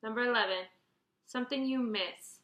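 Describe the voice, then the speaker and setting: Bright, chatty young woman in her twenties. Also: on the high side, moderate pace, echoey room. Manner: chatty, rambling, restarts and fillers, reads questions out brightly. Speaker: beauty vlogger. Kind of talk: casual Q&A tag video.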